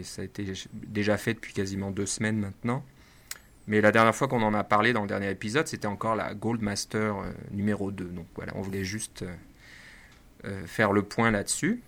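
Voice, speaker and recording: A man with a bright, forceful tone and a fairly low voice co-hosts a casual tech podcast. He speaks hesitantly and pauses often, as if thinking aloud. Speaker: podcast co-host.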